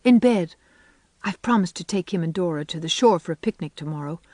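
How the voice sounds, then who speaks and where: A reader putting on a dreamy, imaginative young woman who gushes eagerly, her voice lifting higher than the narration. The recording is dry and close. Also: animated, fairly quick, a little mellow, no echo, close to an everyday voice. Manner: wistful and gushing, rising in pitch. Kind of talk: audiobook character voice.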